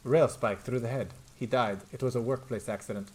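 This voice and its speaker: Calm reserved lieutenant from a detective game, a guy reading him, quiet even voice, kinda low. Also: a little fast, lightly acted. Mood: measured. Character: reserved lieutenant, adult man, calm and measured.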